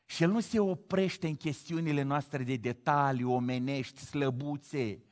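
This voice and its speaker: A middle-aged man from Romania preaching a sermon, moving from quiet reflection to loud exclamations. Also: medium pitch. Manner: animated, swings from hushed to loud exclamations.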